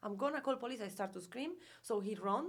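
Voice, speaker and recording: A young woman from Venezuela, a podcast guest who tells a story in animated, English and acts out the dialogue. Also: fairly high pitch, rapid-fire. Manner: animated retelling, acts out dialogue, non-native grammar. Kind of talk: casual chat, storytelling.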